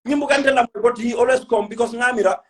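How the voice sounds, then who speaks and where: High-pitched West African man, emphatic. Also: fairly even intonation, quick pace. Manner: emphatic, repeats phrases. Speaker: host of a political live stream. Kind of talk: casual political live chat, mixing English with a local language.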